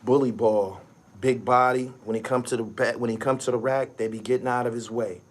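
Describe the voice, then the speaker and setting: A middle-aged man hosting a basketball podcast, ranting bluntly with lots of swearing and sudden loud, high outbursts. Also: a little fast. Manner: animated, blunt, swears a lot, rising to shouted outbursts. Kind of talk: profane basketball rant.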